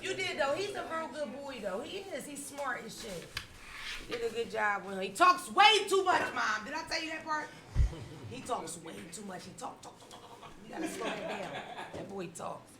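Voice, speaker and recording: A woman's voice: fairly high pitch, sing-song, normal speed, roomy sound, a crowd in the background. A woman hosting a podcast, telling stories in brash, profane casual chat and laughing often. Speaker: podcast host.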